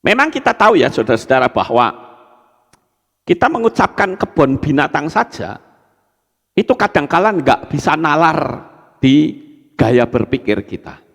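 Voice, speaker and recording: A male pastor preaching a sermon to a congregation, calling out to them and acting out quoted remarks in a soft, low voice. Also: very animated, normal speed, creaky, pauses often, big-room sound.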